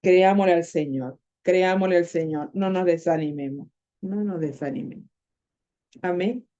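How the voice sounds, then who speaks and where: A woman's voice: fairly low pitch, measured pace, warm tone. A woman preaching a sermon with Bible reading, impassioned and repeating phrases to drive them home. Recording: dull lo-fi audio.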